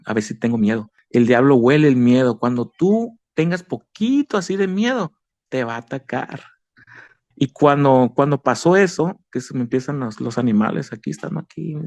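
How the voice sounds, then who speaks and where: A man's voice: medium pitch, moderate pace, darkish tone, dry recording. A man giving an emotional personal faith testimony, earnest and repetitive, calling the listener brother. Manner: earnest, repeats himself, addresses the listener as brother.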